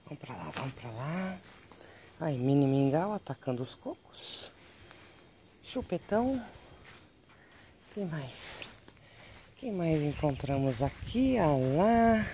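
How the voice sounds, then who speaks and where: Filming among animal pens and a vegetable garden with a handheld phone camera, a Brazilian woman narrates a casual outdoor vlog. Her voice sits low and a little mellow, with slight hiss or hum, and she baby-talks lovingly to her animals.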